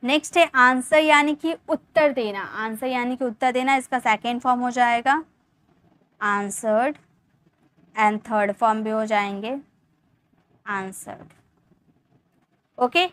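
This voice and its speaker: A young woman teaching English grammar in Hindi, explaining step by step, repeating words slowly and asking her class questions. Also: on the high side, a bit bright, clean tone. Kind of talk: Hindi-language grammar lesson.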